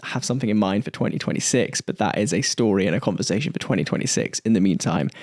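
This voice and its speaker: Podcast host: young man, low-pitched and candid, close dry mic. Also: a little mellow, dry recording. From United Kingdom. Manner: earnest, candid, with emphatic pauses and occasional swearing. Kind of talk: reflective solo podcast monologue.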